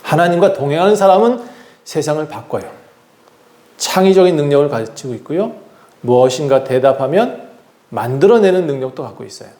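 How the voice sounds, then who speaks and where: Echoey, high-voiced Korean pastor preaching. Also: male voice, sing-song, brisk, mellow. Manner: earnest preaching, acts out quoted voices. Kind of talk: sermon. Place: church sanctuary.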